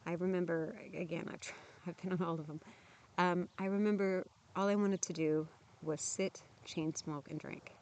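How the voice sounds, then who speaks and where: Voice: mid-range voice, fairly even intonation, moderate pace, darkish tone, smooth. A vlogger talking candidly to camera outdoors at a campsite, sharing lived experience in a frank, earnest, plainspoken way with frequent restarts. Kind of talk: candid personal talk to camera.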